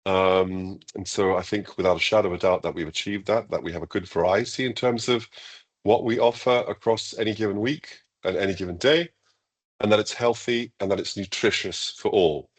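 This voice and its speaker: Low-voiced Icelandic-born school leader, live Q&A, upbeat but halting. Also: male voice. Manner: measured, enthusiastic, many ums and restarts. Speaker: international school head. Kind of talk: live Q&A interview.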